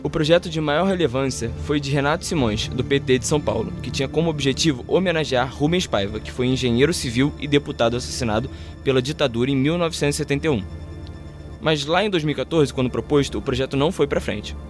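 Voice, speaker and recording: A Brazilian man giving brisk, clear scripted narration for a podcast. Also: mid-range voice, soft background music.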